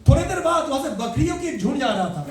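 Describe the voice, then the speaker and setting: High-pitched guy giving a lively motivational talk, echoey room, mic kinda far off. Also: quick pace, a little hiss or hum. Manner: animated storyteller, acts out characters. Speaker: motivational speaker.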